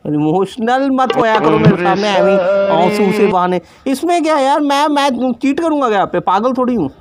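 A man filming a prank vlog on his wife, pleading and animated, then laughing as he wraps up for viewers. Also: very high voice, moderate pace, slight background noise.

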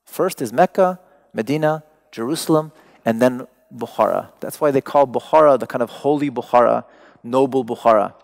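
In a large, dim hall before a seated audience, a Persian-speaking man lectures conversationally in English from the stage. His mid-range voice is gravelly, and he searches for words, stressing them deliberately.

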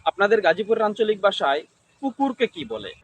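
A man's voice: sits high, very animated, a little fast, breathy edge. A man interviewing, asking the same kind of question over and over. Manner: repetitive, formulaic questioning.

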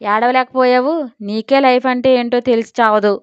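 A man's voice: very high-pitched, fairly even intonation, moderate pace, smooth, no echo. A woman voicing a vain, blustering middle-aged rich father who grumbles and scolds, in a Telugu audio story. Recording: dull lo-fi audio.

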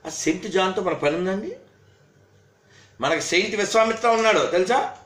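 A man's voice: high-pitched, expressive, a little fast, a bit bright. A man giving a scolding religious talk, firing rhetorical questions at his listeners. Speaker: religious speaker. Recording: roomy echo.

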